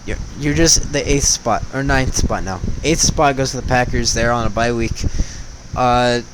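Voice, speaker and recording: A man's voice: mid-range voice, moderate pace, background noise. A young man giving casual sports commentary, chatty and slangy, talking straight to the teams. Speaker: sports vlogger.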